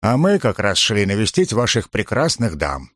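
Here is a boastful gladiator, big and drunk, his voice booming and blustering, pitched noticeably higher than the low reader's own voice, as a man puts him on in a dry, close audiobook read. He swaggers through every threat and brag. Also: huge pitch swings, normal speed, dry recording. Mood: defiant.

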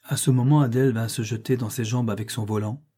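A man narrating a classic novel as an audiobook, with a measured, even reading. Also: medium pitch, slightly rough.

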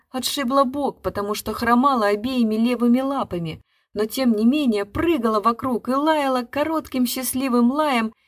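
A woman narrating a literary short story in an expressive storytelling manner. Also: a little high. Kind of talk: literary reading.

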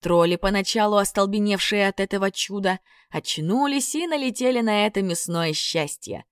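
A woman narrating a fairy tale audiobook in an expressive storytelling manner. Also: medium pitch, normal speed, clear, resonant tone, dry recording, clean studio sound.

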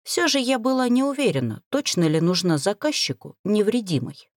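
A woman narrating a first-person fantasy novel, expressive storytelling. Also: mid-range voice, normal speed, no room sound, clean studio sound. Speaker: audiobook narrator.

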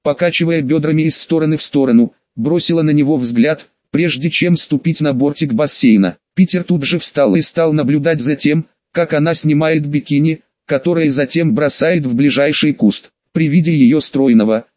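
Brief: steady male storybook narrator, dull recording with no room sound. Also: a little high, normal speed, hardly any pauses, no echo. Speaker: audiobook narrator. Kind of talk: scripted narration. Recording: dry, dull lo-fi audio.

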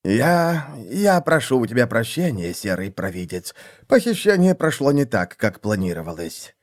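A cringing rat-man assassin who whines and stammers before his master. His voice climbs very high above the narrator's own, thin and pleading. He sounds like a coward caught out in a fantasy audiobook. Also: big pitch swings, normal speed. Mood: apologetic. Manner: whining, stammering, grovelling.

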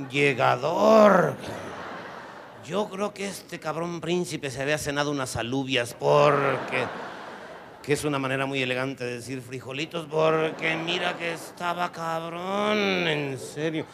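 A man with a Mexican Spanish accent telling a profane comic story, drawing out punchlines and jumping into high voices for the people he quotes. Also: fairly even intonation, takes it slowly, vocal fry, noisy background. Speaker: stand-up comedian.

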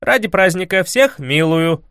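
A man voicing a vain, fickle prince who blusters loudly and flusters easily. The voice leaps around, lively and dry. It suits a comic storybook ruler. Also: sits high, measured pace, clear, resonant tone, dry recording, voice pushed up, exaggerated voice. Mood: blustering. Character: fickle, bluffing middle-aged prince.

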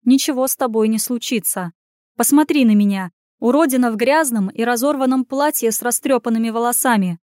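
A woman's voice: on the high side, a little mellow, dry recording, studio quality, lightly acted. A woman voicing a brash young heroine who gives blunt, commanding orders. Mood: wry. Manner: commanding, blunt, quick-tempered.

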